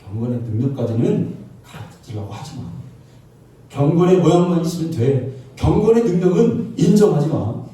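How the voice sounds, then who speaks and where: A sly, wheedling devil, as a man puts him on in a sermon, tossing out mocking, casual orders in a warm, dark voice. It rings through a big, echoey hall, picked up from well away from the mic. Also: a little high, sing-song, moderate pace, far from the mic. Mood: coaxing. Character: sly tempting devil, male, coaxing and dismissive.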